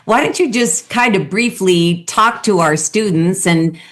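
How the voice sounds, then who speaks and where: A woman's voice: mid-range voice, unhurried. A woman hosting an interview and coaching, chatty and encouraging as she talks with her guest. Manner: encouraging, chatty, laughs often. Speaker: host, coach. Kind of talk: interview conversation.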